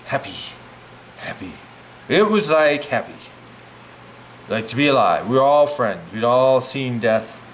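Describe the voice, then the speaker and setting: Talking at normal speed with few pauses, this middle-aged man has a medium-pitched voice and tells a rambling personal story while making food at home. He sounds animated and uses "like" as a filler constantly, and there's a little hiss or hum in the background.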